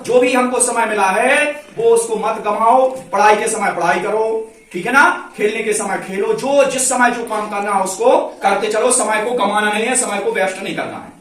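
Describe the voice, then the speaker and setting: A male schoolteacher giving a moral lesson to pupils, asking questions and repeating key words for them to answer back, and saying English phrases slowly. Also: high-pitched, a bit bright. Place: classroom, indoors. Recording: very echoey classroom from far off.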